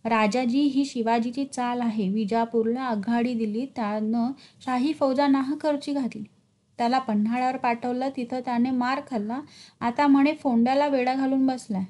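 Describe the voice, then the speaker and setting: A scheming Mughal general with a sly, mocking edge, read by a woman. The voice sits fairly high and sounds mellow and soft-toned. It is a narrated storybook scene. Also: fairly even intonation, moderate pace, close to an everyday voice. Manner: sly, taunting delivery.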